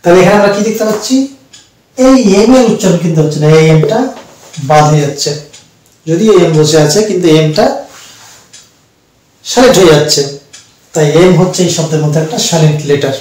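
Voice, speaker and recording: A man with a Bengali accent teaching a spoken English lesson, explaining slowly and repeating words for his students. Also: a little high, darkish tone. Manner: slow, repetitive explaining to students. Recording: very echoey room, distant mic.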